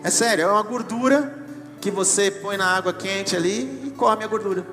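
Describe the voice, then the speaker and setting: A Brazilian pastor with a high voice preaches in a casual, joking way, talking straight to his congregation. His voice rings through a church hall with a long, echoing reverb. Music plays clearly behind him. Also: moderate pace, a bit bright. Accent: Brazilian Portuguese. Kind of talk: sermon.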